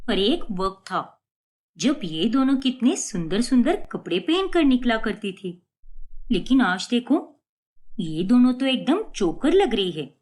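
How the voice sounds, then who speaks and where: A woman's voice: on the high side, big pitch swings, unhurried, a little mellow. A woman voicing a gossipy, mocking middle-aged neighbour in a cartoon story. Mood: mocking gossip.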